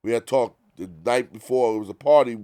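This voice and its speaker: A middle-aged man telling stories casually as a guest, animated and profane. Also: mid-range voice, a little fast, no echo, studio quality. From New York. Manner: animated, profane, full of quoted dialogue. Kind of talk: casual storytelling.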